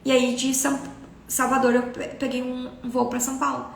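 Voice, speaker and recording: High, gravelly Brazilian woman hosting a live stream. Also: brisk, roomy sound, slight background noise. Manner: expressive, earnest, storytelling. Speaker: spiritual self-development host. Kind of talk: casual live-stream talk.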